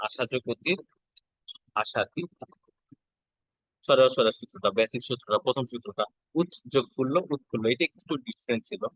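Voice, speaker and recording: A man's voice: mid-range voice, fairly bright tone, no room sound, poor audio. A male teacher, giving an exam-prep lesson and patiently repeating each step.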